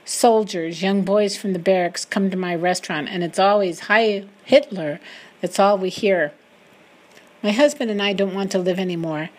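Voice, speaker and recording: A woman reading a first-person wartime memoir aloud, getting loud and emotional in the quoted speech. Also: medium pitch, moderate pace.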